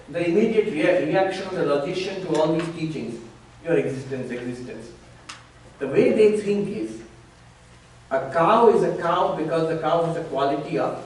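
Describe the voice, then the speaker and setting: A man's voice: a little high, a little hiss or hum. A man, a monk, teaching scripture at a retreat, explaining patiently and acting out an opponent's objections. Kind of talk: lecture on scripture. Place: retreat hall. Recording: echoey hall, far from the mic.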